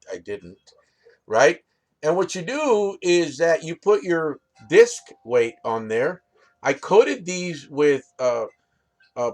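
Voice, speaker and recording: A man from the United States casually showing fishing rigs, rambling with fillers and restarts and often asking the viewer "right?". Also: a little high. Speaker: fishing channel host. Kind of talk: casual gear demonstration.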